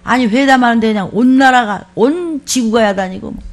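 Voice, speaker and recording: A woman pastor preaching a sermon, animated, acting out quoted voices and swinging between loud exclamations and hushed asides. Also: a little high, fairly quick.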